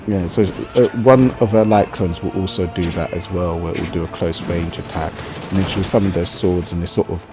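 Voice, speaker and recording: Over background music, a gaming video commentator talks through gameplay in a casual, explanatory, conversational way, frequently adding "you know". His voice sits low with fairly even intonation, and he speaks fairly quickly with few pauses.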